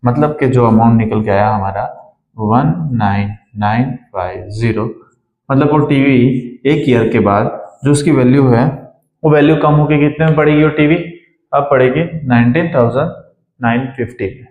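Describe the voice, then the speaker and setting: A man's voice: medium pitch, normal speed, muffled recording. A man tutoring maths to students, asking them questions and answering them himself. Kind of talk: blackboard-style maths lesson. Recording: roomy classroom echo.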